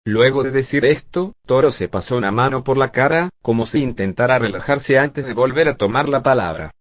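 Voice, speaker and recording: A male text-to-speech voice narrating a first-person zombie story in a steady, even reading. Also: medium pitch, fairly quick, no room sound.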